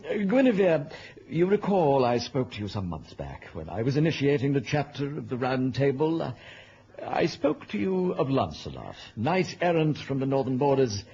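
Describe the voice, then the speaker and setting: An actor in a radio drama playing a genial, noble king with a husky, gravelly voice and a courtly, bantering manner. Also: mid-range voice, very animated, normal speed, dark tone. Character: genial, noble middle-aged king, hearty and teasing. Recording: muffled old radio recording.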